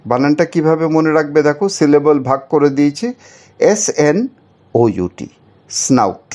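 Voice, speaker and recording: A man's voice: on the high side, moderate pace, dark tone. A man teaching a children's spelling lesson, patiently spelling words out letter by letter and asking the viewers questions.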